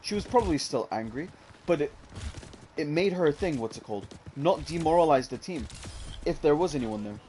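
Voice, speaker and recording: A man's voice: fairly high pitch, lively intonation, a little fast, warm tone, a little hiss or hum. A young man casually telling a long story about an online game, rambling with lots of fillers and calling the listener "bro". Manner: rambling, fillers like "what's it called", says "bro".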